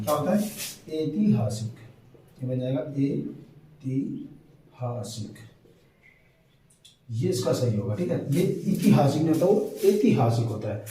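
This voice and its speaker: Guy teaching exam prep in a super echoey room, kinda far from the mic, keeps asking "ok?" and drags words out slow. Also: medium pitch, mellow, slight background noise. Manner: repeats checks like "ठीक है" and "है ना"; stretches words out slowly to spell them.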